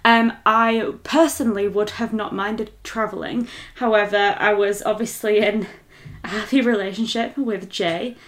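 A young English woman in relaxed chat. She speaks in a friendly way, teases a little and often laughs along. Her voice sits at a middling pitch. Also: moderate pace. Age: young adult. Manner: friendly, teasing, laughs a lot, backchannels. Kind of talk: casual chat.

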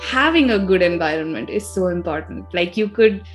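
A woman's voice: on the low side, expressive, moderate pace, soft background music. A young woman in her thirties or younger hosting an interview podcast, chatting in an upbeat, conversational way. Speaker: podcast host. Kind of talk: casual interview talk.

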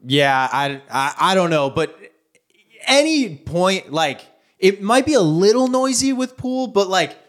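A man co-hosting a sports podcast in a studio, joking around in a relaxed, casual way. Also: high voice, unhurried. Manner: joking, easygoing. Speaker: podcast co-host.

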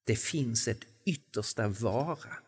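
A man preaching a sermon in a space with a long, lingering reverb. His voice is of middling pitch, and he swings from hushed, reflective passages to slow, emphatic phrases that climb high. The delivery is dramatic and carefully paced. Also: lively intonation, breathy edge.

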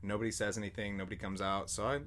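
A man's voice: lowish voice, level tone, very fast, a bit bright. A young man, a podcast host, telling a story in a rambling, casual way, full of fillers and the odd swear word.

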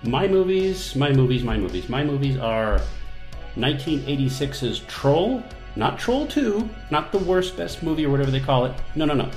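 A man's voice: on the high side, sing-song, normal speed, echoey room, soft background music. A man hosting a podcast in casual chat, jokey and self-mocking. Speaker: podcast host and managing editor.

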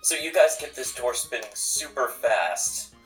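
A man's voice: mid-range voice, lively intonation, measured pace, fairly bright tone, recorded from a distance, soft background music. A man narrating a tabletop game casually as game master and host.

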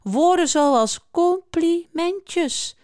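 A woman voicing a gentle, shy male turtle who speaks earnestly and hesitantly. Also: extremely high pitch, animated, drawn-out words, no room sound, clean studio sound, pitched above the performer's own voice, exaggerated voice.

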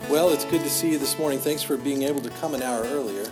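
A middle-aged pastor teaches informally, in a halting, conversational style that often repeats itself. His voice is medium-pitched, heard over music.

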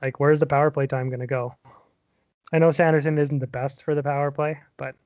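A man with a slightly high voice joins a casual podcast chat as a guest, loose and a little hesitant. His audio is dry and dull, like a remote recording. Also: flat delivery, fairly quick, darkish tone, dry recording.

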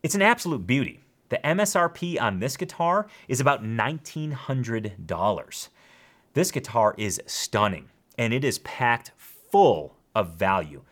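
A man's voice: medium pitch, very animated, a little slow, fairly bright tone. A man with an American accent hosting a show in an emphatic, enthusiastic top ten countdown style. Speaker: guitar show host.

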